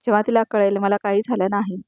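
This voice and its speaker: A woman's voice: medium pitch, level tone, quick pace, dark tone, dry recording, natural voice. A woman reading a prankster husband. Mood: teasing. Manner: read out plainly in the narrator's own voice. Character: man, a husband faking an accident as a prank.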